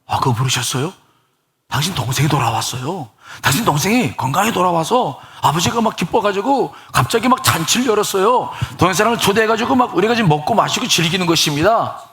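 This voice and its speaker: A man's voice: high voice, expressive, fast talker, a bit bright, reverberant, long reverb tail. A man voicing a servant who explains the situation to the elder son. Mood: explaining.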